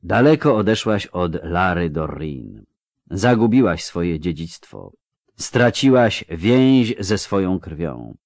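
An ancient elf sage, read by a male storyteller in a spoken fantasy tale, low-pitched and aloof. He talks slowly and quietly, every word measured, with a dry close sound. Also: big pitch swings, dry recording, heavily acted. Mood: calm. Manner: slow, quiet, measured speech.

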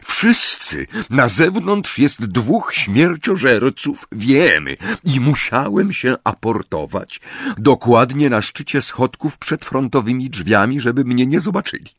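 A man's voice: mid-range voice, big pitch swings, slow pace, fairly bright tone, slightly rough, dry recording, clean studio sound, voice pushed up, full character voice. A man voicing a tired, earnest former teacher, a grown wizard, in an audiobook reading. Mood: urgent. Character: weary adult male wizard, former teacher, calm.

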